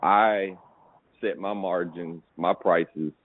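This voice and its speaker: A low, steady male voice speaks slowly over narrow, phone-like call audio. He's a pallet business coach advising a caller in a casual, conversational way, repeatedly asking check-in questions to make sure the listener follows.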